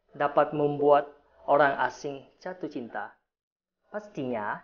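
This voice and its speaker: A woman gives a prepared testimonial as a careful learner of Indonesian. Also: deep voice. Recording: slightly dull audio.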